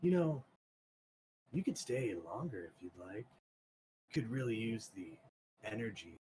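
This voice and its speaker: A man's voice: medium pitch, very animated, a little slow, warm tone, a little hiss or hum, voice pushed down, low-quality recording. A man voicing a laid-back male casino music guy who talks in easygoing slang. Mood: inviting.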